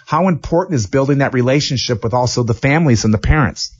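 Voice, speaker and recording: A man's voice: mid-range voice, expressive, fast, breathy edge, highs cut off. A man hosting an interview in an office, telling stories with enthusiasm and acting out what people said. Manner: enthusiastic storyteller, acts out quotes. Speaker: interview host, former hockey player. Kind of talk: casual interview.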